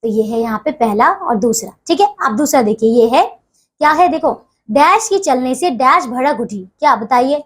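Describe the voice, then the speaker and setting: A woman's voice: sits high, expressive, moderate pace, husky. A young woman teacher patiently explaining a grammar lesson to children, often checking in with them as she goes. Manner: patient, repeats "dekhiye" and "theek hai" often. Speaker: school teacher.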